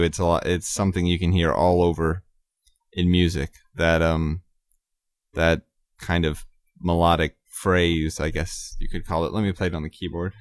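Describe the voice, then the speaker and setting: A man hosting his own podcast, talking casually and haltingly about composing, with many ums and self-corrections. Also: low-pitched, dry recording, clean studio sound. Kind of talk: casual solo talk about his music.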